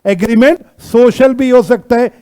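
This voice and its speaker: Man, very high voice, Indian accent, classroom law lecture, rhetorical questions. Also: moderate pace, a little mellow, clean tone. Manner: quizzing students with rhetorical questions, mixing in English text. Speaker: teacher.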